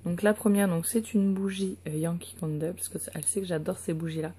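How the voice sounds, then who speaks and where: Woman vlogger, low mellow voice, halting chatty delivery with many fillers, unboxing a gift. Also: steady tone, a little hiss or hum. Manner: hesitant, full of "euh" and "donc" fillers. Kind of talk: casual unboxing vlog.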